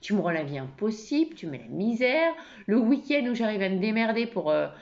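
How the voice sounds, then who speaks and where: A woman acts out a wife at the end of her patience who bursts out loudly and indignantly. Her voice has a gravelly grain, and the recording is a bit muffled and lo-fi. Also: fairly low pitch, expressive, fast. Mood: furious. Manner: loud, heated, indignant outbursts. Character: furious wife whose evening plans fell through.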